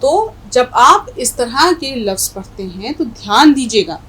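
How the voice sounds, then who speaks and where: A woman's voice: fairly high pitch, sing-song, unhurried, fairly bright tone, husky, low-quality recording. A woman teaching a Urdu language lesson, explaining words patiently and repeating each example with a North Indian Hindustani accent.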